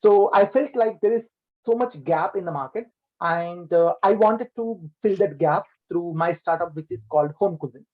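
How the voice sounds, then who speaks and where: A man's voice: high voice, moderate pace. A man being interviewed about his businesses over a video call, his audio breaking up on a bad connection, talking at length with many "like, you know" fillers. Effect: bad connection, audio cutting out. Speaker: business owner interviewed as guest. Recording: tinny lossy video call line.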